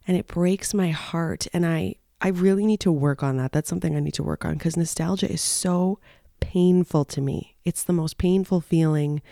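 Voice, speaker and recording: Gravelly, dark-voiced woman, near tears. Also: lowish voice, no echo, clean studio sound. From Canada. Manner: nostalgic, tearful, rambling with many fillers. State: close to tears. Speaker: podcast host. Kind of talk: emotional personal monologue.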